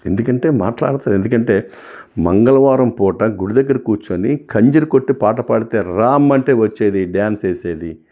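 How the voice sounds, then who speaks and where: A man's voice: lowish voice, normal speed. A man giving an emotional personal testimony, telling his story and acting out the voices of the people in it. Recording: tinny phone-like sound.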